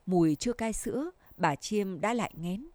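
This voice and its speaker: A woman narrating a literary story in a measured, expressive reading voice. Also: medium pitch, no room sound.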